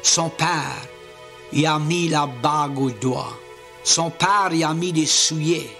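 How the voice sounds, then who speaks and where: A man's voice: fairly high pitch, slow pace, gravelly, bright, forceful tone, faint music behind. A man from Louisiana with a Cajun French accent, preaching an evangelistic sermon as plain, folksy Bible storytelling with earnest appeals.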